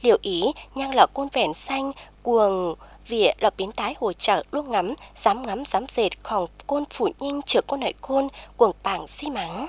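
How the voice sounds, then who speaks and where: A woman reading a scripted news report in an even, formal manner. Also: a little high, unhurried, few pauses, slightly rough.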